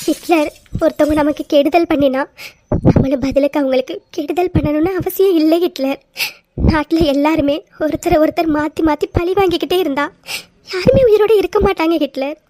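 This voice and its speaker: A woman voicing a gentle, forgiving young heroine in a cartoon, soft and tearful as she pleads. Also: high voice, brisk, no room sound, natural voice. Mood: soothing. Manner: soft, pleading, tearful, calls him Hitler fondly. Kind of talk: cartoon voice dubbing.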